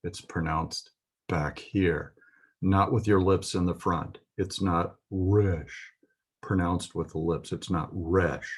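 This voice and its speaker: A man's voice: low-pitched, fairly even intonation, a little slow, husky. A man giving a patient, methodical alphabet lesson, working through a text letter by letter. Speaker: Hebrew teacher. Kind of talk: slow spoken alphabet lesson.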